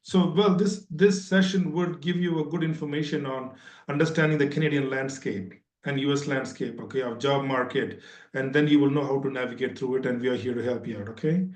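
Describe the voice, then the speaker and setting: A man's voice: mid-range voice, a little fast, darkish tone. A man hosting an online training webinar, greeting each attendee by name in a friendly, upbeat way. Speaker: webinar host. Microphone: video call. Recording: roomy, distant, dull video-call audio.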